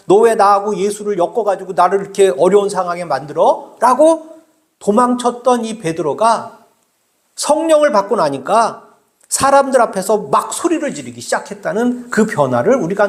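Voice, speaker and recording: A middle-aged male pastor preaching a sermon in a conversational way, explaining with everyday examples. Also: sits high.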